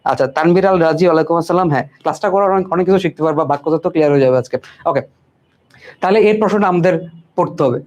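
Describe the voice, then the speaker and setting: A man's voice: a little high, very fast, darkish tone. A young man from Bangladesh teaching an online exam-prep lesson, repeating points and slipping in English words. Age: young adult. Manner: repetitive, reassuring, mixes English words. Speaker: tutor.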